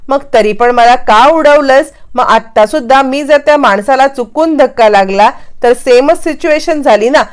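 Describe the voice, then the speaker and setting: Narrator doing a feisty young woman who won't back down, high bright pitch, clear tone, scolding. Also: normal speed, few pauses, lightly acted. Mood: defiant, scolding. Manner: defiant, scolding. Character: fiery young woman, stubborn and sharp-tongued.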